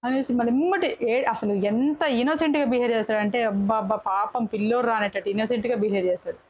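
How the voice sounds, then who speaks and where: A woman's voice: on the high side, darkish tone, no room sound. Chatty woman reviewer. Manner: chatty, quick restarts and self-corrections. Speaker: reality show reviewer. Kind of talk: casual episode review.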